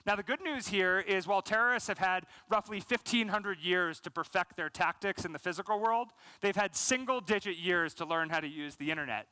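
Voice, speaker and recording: Brisk and almost pauseless, a thirty-something American man with a high, smooth voice gives a keynote on a large conference stage. He speaks fluently with frequent "um" and "you know," gesturing energetically. The headset mic picks up no room sound, but the recording is rough.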